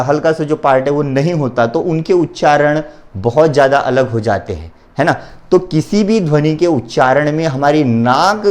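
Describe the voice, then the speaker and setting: Slow, patient male Hindi teacher. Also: on the high side. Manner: slow, drawn-out teaching delivery that spells out letters one by one; addresses students directly and has them repeat after him. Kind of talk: classroom Hindi grammar lesson. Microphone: recording for an online lesson.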